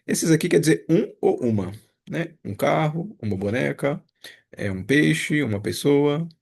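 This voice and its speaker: A man's voice: a little high, lively intonation, measured pace, gravelly, darkish tone, breathy edge. A man teaching a casual review lesson. He talks patiently, explains step by step and repeats each example. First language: Portuguese.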